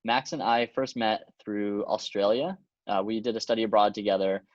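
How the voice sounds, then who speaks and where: A man's voice: lowish voice, normal speed, no echo, dull audio. A man in his twenties from New York State, introducing his team in a friendly, straightforward way. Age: 20s. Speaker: team captain.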